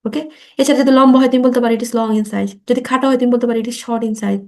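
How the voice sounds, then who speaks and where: A woman teaching a spoken English lesson, stretching out model sentences slowly and often asking quick check questions. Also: on the high side, fairly even intonation, darkish tone. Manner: slow, drawn-out model sentences for repetition; asks rhetorical check questions.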